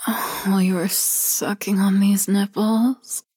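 Woman, whispered ASMR roleplay, breathy, humming and sighing, dry close mic. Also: mid-range voice, level tone, measured pace, no echo. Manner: soft murmuring whisper with hums and sighs. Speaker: roleplay narrator.

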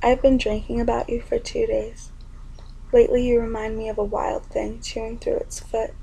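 A young woman performs spoken word poetry in an intimate, often whispered delivery with a gravelly edge. Her voice is on the high side and warm, delivered flatly at a moderate pace, in a low-quality recording.

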